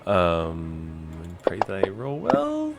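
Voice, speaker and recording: A man playing a tabletop game, talking through his character's actions and breaking into shouted in-character lines. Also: sits low, slow pace, vocal fry, over loud music. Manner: animated, bursts into shouted in-character yelling. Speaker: player.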